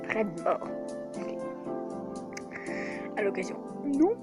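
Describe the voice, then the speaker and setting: A woman playing through a story game, reading it aloud and reacting in an excitable way, laughing often and protesting loudly. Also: medium pitch, takes it slowly, loud music behind the voice. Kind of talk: let's play, reading choices and reacting.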